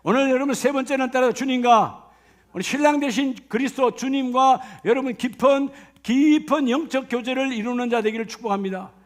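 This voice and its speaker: A man's voice: very high voice, brisk. A middle-aged male pastor, preaching a sermon with rising exclamations and questions to the congregation. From Gyeongsang Province, Korea.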